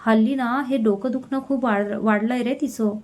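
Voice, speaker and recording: A woman voicing a chatty young woman who fusses over her friend with a lively, scolding manner. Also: a little high, moderate pace, lightly acted.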